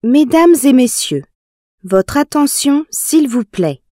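Actress as a formal airport announcer, slow and measured, higher voice, dry studio sound. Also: female voice, very animated, mellow, no room sound, heavily acted. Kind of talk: scripted public announcement.

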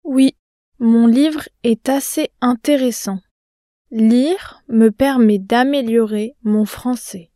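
Actress as a calm young student in a language-lesson dialogue, slow and mellow, dry studio sound. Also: female voice, a little high, dry recording. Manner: slow, careful, clearly articulated.

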